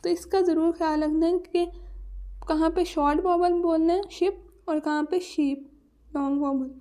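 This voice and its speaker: A Pakistani woman teaching a lesson on pronunciation, reading English points slowly and then explaining them in Urdu. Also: very high-pitched, steady tone, mellow.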